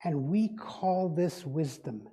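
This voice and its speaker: This guest speaker, a man whose first language is Dutch, gives a spiritual talk in a slow, dark voice that is fairly high-pitched and animated. He reflects and muses, looping back on his words, in an echoey hall.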